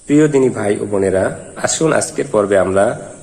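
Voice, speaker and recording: In a lowish, darkish voice at a moderate pace, this teacher leads a slow Quran recitation lesson in Bengali with a Bangladeshi accent. He goes through letters and vowel marks one at a time, then chants the verse, and a long hall reverb surrounds him.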